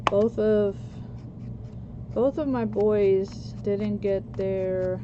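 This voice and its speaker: A Costa Rican woman in her forties hosts a craft livestream, chatting slowly with viewers while she works on a paper craft and answering their chat comments as she goes. Her mid-range voice stays steady, and the lo-fi recording carries background noise.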